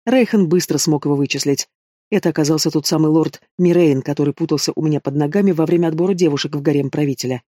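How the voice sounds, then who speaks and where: A man's voice: fairly high pitch, quick pace, dark tone, no room sound. Man narrating an audiobook, dry sound. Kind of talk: scripted first-person narration.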